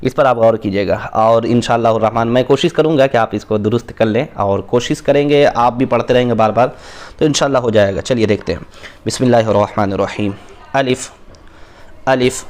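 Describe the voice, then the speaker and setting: A man, teaching a beginners' Quran reading lesson, patiently explaining and repeating Arabic letters slowly and drawn out. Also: mid-range voice, darkish tone.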